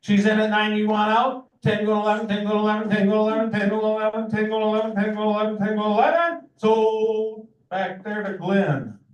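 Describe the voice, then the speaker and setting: A man's voice: high-pitched, fairly even intonation, a little fast, a little hiss or hum. An American man working as an auctioneer, calling bids in a rhythmic, repetitive chant of numbers. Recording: echoey room, distant microphone.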